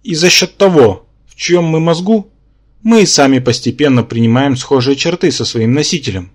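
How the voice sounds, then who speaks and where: A man's voice: medium pitch, animated, normal speed, lightly acted. A man voicing a pedantic, lecturing male spirit symbiont who lives in the hero's head. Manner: lecturing, matter-of-fact.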